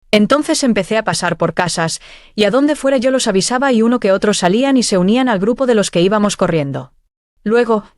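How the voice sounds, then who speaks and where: A woman's voice: medium pitch, no room sound, clean studio sound. A woman telling of a dream vision at church, earnest and heartfelt. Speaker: church member giving testimony.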